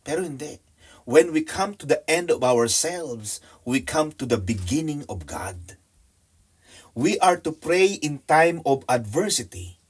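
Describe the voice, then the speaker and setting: A man's voice: fairly high pitch, slow, husky. Preacher man with wide dynamic swings. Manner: addresses listeners by name, mixes Tagalog and English; swings between loud excited telling and quiet hushed asides. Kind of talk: sermon with illustration story. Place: church.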